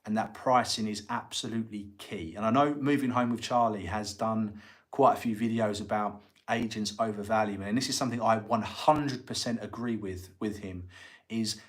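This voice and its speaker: A man with a fairly low voice and an Essex accent hosts a casual livestream. He talks in a chatty, colloquial way, as if answering viewers directly. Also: steady tone, normal speed. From Essex, England. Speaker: livestream host and estate agent.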